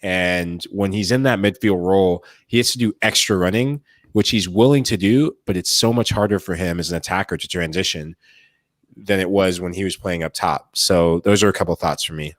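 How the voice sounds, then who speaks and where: Co-hosting a soccer podcast, a man with a low-sitting voice breaks down tactics in a casual, analytical chat at normal speed. He's animated, speaking in long flowing runs and acting out what players and coaches might say, captured in a dry recording.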